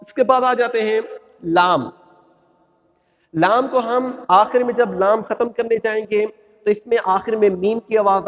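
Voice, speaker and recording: Within a large hall, a high-voiced man gives a religious pronunciation lesson, teaching the Quran's letters by patiently stretching out every sound as he chants.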